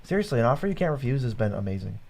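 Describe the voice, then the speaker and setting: A man's voice: medium pitch, sing-song, rapid-fire, a little mellow. Joking young man chatting on a stream. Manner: joking, laughing, puts on a gravelly Batman voice. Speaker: co-host. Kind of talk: casual livestream chat.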